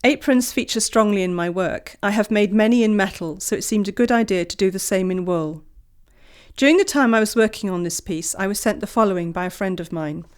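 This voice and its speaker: A middle-aged Welsh woman, medium-pitched and smooth, reads a scripted voice-over calmly and with measured care. She sounds reflective and unhurried, like an artist discussing her own work.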